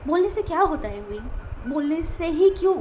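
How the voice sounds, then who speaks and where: A woman voicing a calm, tender young man in love, speaking softly and reassuringly in a storytelling fan fiction reading, with faint music behind her. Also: very high voice, moderate pace, slight background noise, pitched above the performer's own voice. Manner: soft, reassuring, quietly affectionate.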